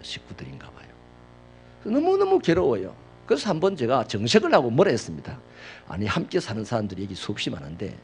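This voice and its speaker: A middle-aged man preaching a sermon with a wildly animated pitch, telling personal stories dramatically, now shouting, now hushed. A faint hum sits under his voice. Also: gravelly. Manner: dramatic storytelling, swings from loud outbursts to hushed asides. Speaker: pastor.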